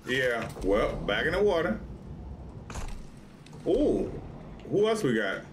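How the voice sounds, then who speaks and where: This middle-aged American game streamer is very animated, his mid-range voice moving at a moderate pace over a noisy background. Sitting indoors at home, he keeps up exasperated, self-deprecating live commentary aimed at himself and his viewers.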